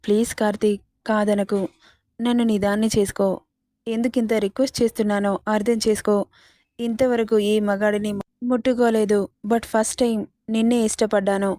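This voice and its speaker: A soft, flat-voiced temptress, read by a woman. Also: medium pitch, normal speed, dry recording, clean studio sound, close to an everyday voice. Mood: pleading.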